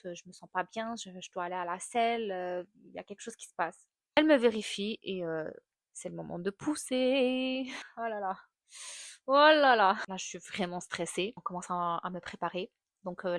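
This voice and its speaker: A woman's voice: mid-range voice, dry recording, studio quality. Young woman telling a candid story. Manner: candid, animated retelling with many fillers. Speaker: vlogger. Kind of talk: casual personal storytelling.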